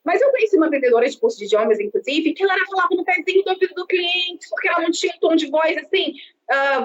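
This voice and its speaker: A woman in her thirties with a Brazilian Portuguese accent, a sales and marketing consultant speaking in an expansive, outgoing way as a guest on a live-streamed interview. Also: high voice. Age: 30s. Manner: expansive, lively, self-described outgoing talker. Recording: dull lo-fi sound with faint background noise.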